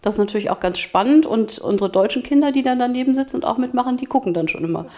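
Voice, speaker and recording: Lively, amused kindergarten educator woman. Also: a little high, fast. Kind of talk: documentary interview.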